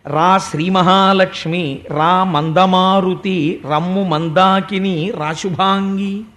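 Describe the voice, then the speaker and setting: A man voicing a young divine cowherd boy who calls his cows by name in a slow, drawn-out, loud voice. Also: high-pitched, fairly even intonation. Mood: loving call.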